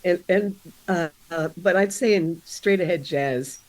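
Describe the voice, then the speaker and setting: An older woman, raised around Philadelphia, talking candidly and reflectively as a guest, often halting mid-thought and laughing easily. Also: lowish voice, no room sound, low-quality recording. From born in Arizona, raised in Philadelphia area. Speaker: guest, radio jazz presenter. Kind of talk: candid interview conversation.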